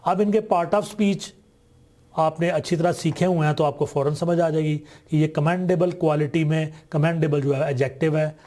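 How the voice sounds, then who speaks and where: Pakistani male tutor, mellow, slightly high voice, reads English lines slowly. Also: fairly even intonation. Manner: slow, deliberate reading of English sentences. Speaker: teacher. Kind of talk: explaining textbook exercises.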